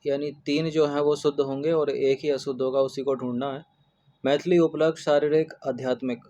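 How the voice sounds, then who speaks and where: A man's voice: mid-range voice, completely flat delivery, brisk, mellow. A man teaching an exam-prep lesson, going through test answers and repeating spellings, often adding a filler of agreement. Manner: repetitive, drills spellings with "ठीक है" fillers.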